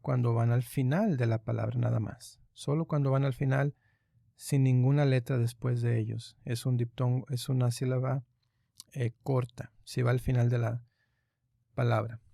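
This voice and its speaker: A man with a low, gravelly voice walks through grammar rules in a patient online lesson, pausing often with small fillers. His tone is dark and mellow, and the sound is close and dry. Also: fairly even intonation, no room sound. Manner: patient, explains step by step with frequent fillers. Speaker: teacher. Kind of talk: online lesson on Greek accents.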